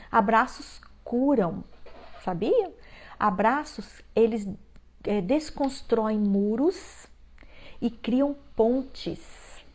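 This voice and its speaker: A woman with a Brazilian Portuguese accent giving heartfelt advice to parents, stressing key phrases and slowing right down on them. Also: on the high side, a little mellow. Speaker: parenting educator.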